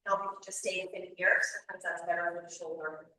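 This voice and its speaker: Echoey, bright-voiced woman leading exercise class. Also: lowish voice, fairly even intonation, fast, a little hiss or hum. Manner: directive, encouraging, calls out cues. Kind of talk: group fitness class instruction with short cues and counting. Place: indoor room, on camera for a class. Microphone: camera mic from a distance. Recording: echoey room, distant microphone.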